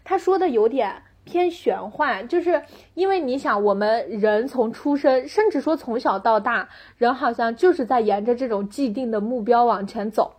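A woman's fairly high, husky voice carries casual conversation. She speaks earnestly and reflectively, spilling out her thoughts effusively. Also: moderate pace, few pauses, a little mellow. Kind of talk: casual chat.

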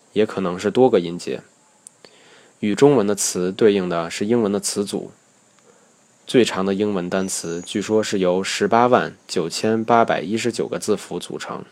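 Measured, low-voiced Chinese man teaching. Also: a little mellow. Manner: measured, explanatory, stretching words slowly to demonstrate. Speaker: English teacher. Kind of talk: scripted lesson narration.

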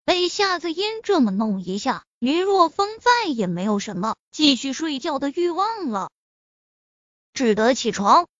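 A woman narrating a web-novel audiobook with expressive storytelling. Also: high voice, a little slow, no echo. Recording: dry, slightly dull audio.

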